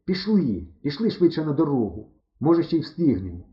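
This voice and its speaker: A man reading an audiobook voices a stubborn, bossy village boy who bickers and shouts, on a roomy, dull recording. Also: a little high, sing-song, a little fast. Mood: bickering.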